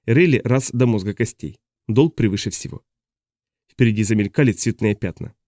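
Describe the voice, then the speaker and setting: A man reading a science fiction audiobook as narrator in a steady, even storytelling manner. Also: on the low side, no echo, clean studio sound. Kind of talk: scripted narration.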